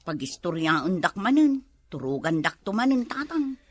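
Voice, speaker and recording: A woman playing Lorna, a loud nagging wife in a comedy drama who scolds and shouts at her husband. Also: lowish voice, big pitch swings, moderate pace, slight background noise. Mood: chatty. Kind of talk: comedy web drama acting.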